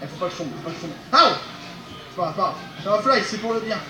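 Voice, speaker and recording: A man with a very high, bright voice gives lively commentary on his gaming session. His pitch swings widely as he reacts, and the sound is roomy with faint music underneath. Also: fast talker. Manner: excitable, shouts and laughs, talks to viewers. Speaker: gaming video host. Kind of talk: excited game commentary.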